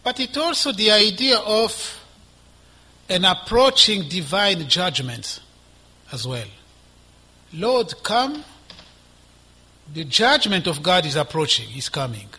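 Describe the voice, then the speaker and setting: Slow husky preacher, bright voice. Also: male voice, sits high, big pitch swings. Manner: slow, deliberate reading with emphatic rises; asides with soft laughter. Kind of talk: sermon with scripture reading.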